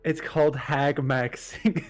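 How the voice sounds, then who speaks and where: Podcast co-host, male, slightly high voice, animated, laughs through his stories. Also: takes it slowly, soft background music. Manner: animated storyteller, laughs often. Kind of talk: casual chat among streamers.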